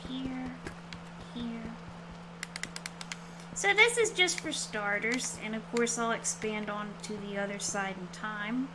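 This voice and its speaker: Woman, cute anime streamer, unhurried pace, casual rambling game commentary, playful, noisy recording. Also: on the high side. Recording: clearly noisy background.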